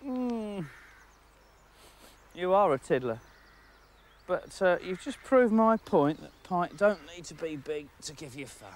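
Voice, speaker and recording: A middle-aged man with a slightly raised voice commentates his own fishing from a lakeside jetty. He is excitable, laughs often and talks straight to the fish. The sound is outdoor, close on a lapel mic. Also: sits high, takes it slowly, long pauses. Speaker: angling presenter.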